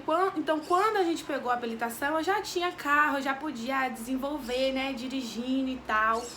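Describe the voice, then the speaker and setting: A woman's voice: high-pitched, bright, forceful tone, slight background noise. A young woman from Brazil with a Bahian accent, telling a heartfelt, devout personal story in a vlog, repeating phrases as she goes. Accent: Bahian Brazilian Portuguese. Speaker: vlogger. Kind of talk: emotional personal testimony.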